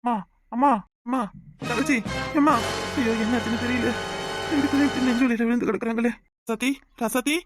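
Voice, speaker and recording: A woman's voice: on the high side, steady tone, quick pace, over loud music, lightly acted. A woman doing a blunt village husband. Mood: alarmed. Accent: Kanyakumari Tamil.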